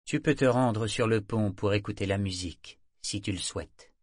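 A wounded pirate captain talks in a low, faint, worn-out voice, strained with pain, as a man reading the story gives him voice. He sounds curt and weary, quiet throughout, in an audiobook reading. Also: normal speed, husky, no echo, clean studio sound. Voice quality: weak, low, tired. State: in pain, weak.

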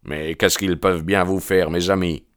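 A man's voice: low-pitched, steady tone, moderate pace, no echo, clean studio sound. A man voicing a hot-tempered young male stranger in a storybook reading, with curt, growling defiance. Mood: defiant.

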